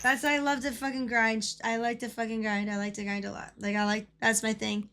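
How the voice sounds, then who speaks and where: A woman with a hoarse voice, chatting casually and excitably on a game stream, repeating phrases as she goes. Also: a little high, fairly quick, a little hiss or hum. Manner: swears casually. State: hoarse from coughing. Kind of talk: casual live-stream chat.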